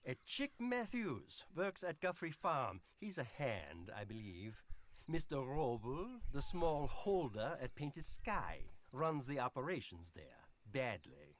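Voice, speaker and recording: An actor playing a cold, wry Austrian moneylender with a German-speaking accent in a western video game. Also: male voice, mid-range voice, very animated, slow pace. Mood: sly, businesslike. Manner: dry, businesslike, wry. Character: calculating, cold middle-aged male Austrian moneylender in western.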